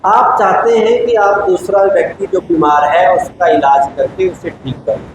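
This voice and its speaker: A man's voice: sits high, steady tone, moderate pace. A man giving a spiritual discourse to a live audience as a teacher, asking emphatic rhetorical questions and explaining patiently. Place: large meditation hall. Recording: very echoey hall with clear background noise.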